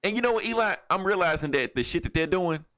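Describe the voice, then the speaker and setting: A podcast co-host with a high, expressive, fairly bright voice speaks fast. He riffs on movies in a casual, blunt way, swearing plenty and treating nothing too seriously.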